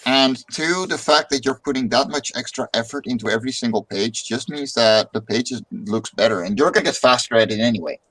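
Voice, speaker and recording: Talking a little fast with few pauses, a streamer and comic artist rambles in casual chat, repeating words to get thoughts started. His medium-pitched voice is fairly bright, and the audio quality is poor.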